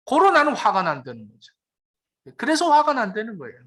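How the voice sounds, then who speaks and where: A woman's voice: on the high side, huge pitch swings, a little fast, fairly bright tone, husky. Woman pastor giving a sermon, voice swings up and down a lot, asks a question then answers it herself. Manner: explains scripture, asks and answers her own questions; briefly acts out the figures she quotes.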